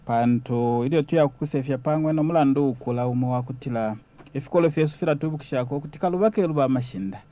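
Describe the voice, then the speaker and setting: A man's voice: mid-range voice, fast talker, dark tone. A man with a Zambian accent, a guest explaining history in a conversational way.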